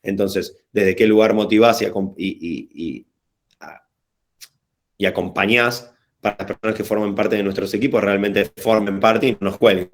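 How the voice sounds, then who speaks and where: Low-voiced man with a Rioplatense accent. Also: fairly even intonation, moderate pace. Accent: Rioplatense Spanish. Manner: casual, digressive, slangy, hesitant restarts. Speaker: workshop facilitator. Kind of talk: informal online workshop talk.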